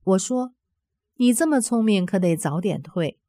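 A woman reading a first-person testimony aloud in an earnest, steady voice. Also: medium pitch, moderate pace, no echo, clean studio sound.

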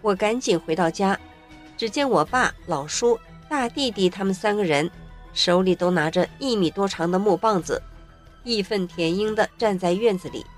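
A woman narrating her own life story in an earnest, expressive way. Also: medium pitch, normal speed, soft background music. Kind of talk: first-person story narration.

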